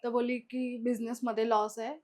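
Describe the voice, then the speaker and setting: A young woman guest shares personal stories casually and chattily, performing the quoted lines of the people involved. She talks at normal speed in a fairly high voice that is level and darkish in tone.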